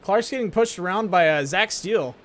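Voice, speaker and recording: Higher-pitched man doing casual motorsport commentary. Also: expressive, a little fast. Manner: informal, chatty and jokey. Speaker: sim racing commentator.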